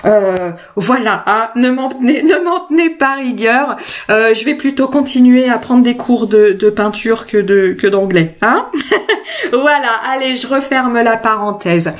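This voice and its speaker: With a fairly high, lively voice and a slightly slow delivery, this French craft video host talks viewers through a tutorial. Her style is relaxed and chatty, full of pauses and self-corrections.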